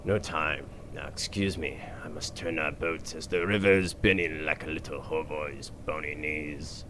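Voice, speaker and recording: A man's voice: extremely low pitch, fairly even intonation, normal speed, noisy background. A man playing a grumpy male boat captain in an amateur comedy audio drama, sarcastic and flowery. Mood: grumbling.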